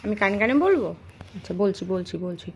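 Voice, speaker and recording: A woman's voice: mid-range voice, very animated, fast talker, a little mellow, a little hiss or hum. A mother at home coaxing her small child in a repetitive, sing-song manner. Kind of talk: coaxing baby talk.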